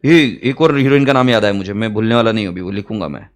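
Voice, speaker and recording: A man's voice: lowish voice, expressive, fast. A man teaching accounts in a joking, teasing lecture, humming little sound effects as he works. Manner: teasing, playful, hums sound effects while working.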